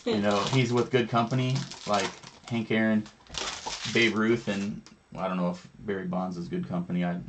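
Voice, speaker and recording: A man with a lowish voice hosts a live trading card break, reading off each pull in a steady, easygoing commentary. He chats casually between cards, relaxed and matter-of-fact. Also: normal speed, noisy background. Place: indoor studio with a branded backdrop.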